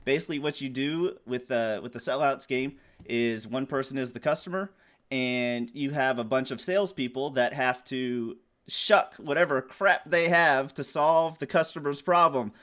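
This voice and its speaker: Enthusiastic male guest, mid-pitch, casual and jokey. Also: moderate pace, fairly bright tone, clear, resonant tone. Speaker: game designer guest. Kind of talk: casual chat.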